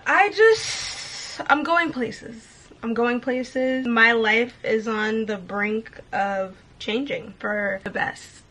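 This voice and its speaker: Sitting in her bedroom with the camera on the desk facing her, an American woman in her late twenties does her makeup and talks casually, gluing on lashes as she chats. Her medium-pitched, fairly bright voice comes through on a low-quality recording, and she's chatty and upbeat as a beauty vlogger.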